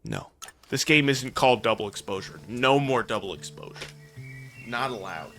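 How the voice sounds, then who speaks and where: Sarcastic, sweary male streamer over loud game music. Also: mid-range voice, animated, normal speed. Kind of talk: casual gameplay commentary.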